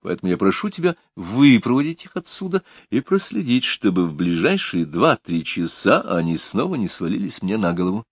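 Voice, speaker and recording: A man's voice: on the low side, big pitch swings, a little fast, few pauses, husky, no room sound. A man voicing a sardonic older male boss in an audiobook, with a dry, ironic way of talking. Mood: mock-stern. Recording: dry close studio sound.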